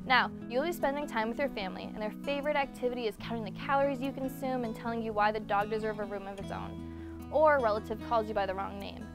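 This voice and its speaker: A young woman presents scripted advice in a brisk, list-like way. Her voice is a little high. Music plays clearly behind her. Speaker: segment host.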